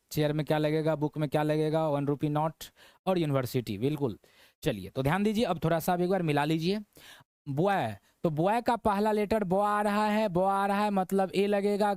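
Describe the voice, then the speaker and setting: High, clear-voiced man teaching with a lilt. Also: darkish tone, no room sound, studio quality. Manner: repetitive, checking in with "है ना" and quizzing the viewer. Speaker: English grammar teacher. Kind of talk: classroom-style lesson.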